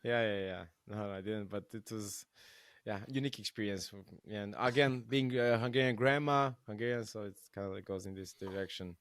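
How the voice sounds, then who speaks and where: A man's voice: fairly low pitch, moderate pace, dry recording. Man hosting, dry close voice. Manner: hesitant, frequent fillers and laughs. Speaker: host. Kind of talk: casual interview chat, storytelling.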